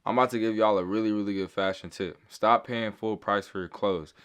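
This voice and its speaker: A man's voice: on the low side, steady tone, brisk, fairly bright tone, smooth. Laid-back young man vlogging, slangy. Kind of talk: casual vlog talk to camera. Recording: background music throughout.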